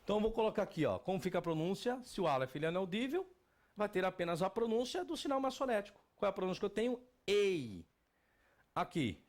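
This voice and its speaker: A man's voice: high voice, expressive, very fast. A Brazilian man teaching at a whiteboard, drilling pronunciation aloud and asking and answering his own questions. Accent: Brazilian Portuguese. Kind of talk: whiteboard lesson. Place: classroom at a whiteboard.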